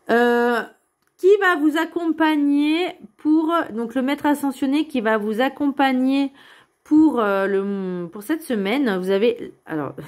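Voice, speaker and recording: Une femme d'âge moyen qui fait une guidance de cartes spirituelle, parlant directement à son public sur un ton sérieux et rassurant, avec beaucoup d'hésitations. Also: female voice, sits high, darkish tone. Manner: earnest and reassuring, addresses viewers directly, many hesitations. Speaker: card reader giving a weekly guidance. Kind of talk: spiritual card reading, casual monologue.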